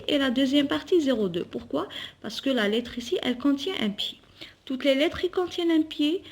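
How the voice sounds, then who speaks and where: A woman primary school teacher giving a phonics lesson for young children, slowly spelling out letters and syllables and repeating them. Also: fairly high pitch, slight background noise.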